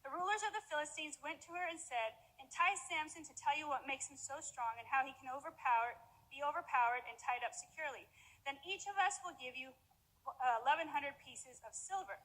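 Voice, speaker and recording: A woman's voice: sits high, a little fast, fairly bright tone, rough recording. A woman pastor narrating a scripture story in church, upbeat and playful as she guides volunteers. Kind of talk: narrating a scripture skit to a congregation.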